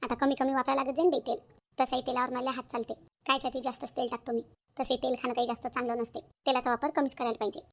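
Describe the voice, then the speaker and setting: A woman's voice: sits high, level tone, quick pace. A woman voicing a nagging, thrifty older mother-in-law in a cartoon comedy, scolding and repeating herself. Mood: grumbling. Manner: scolding, repetitive.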